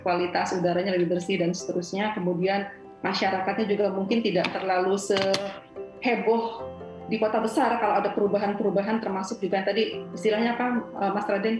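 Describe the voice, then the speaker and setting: A woman's voice: mid-range voice, level tone, fairly quick, echoey room, over music. A woman, a doctor giving reassuring, conversational medical explanations as a guest.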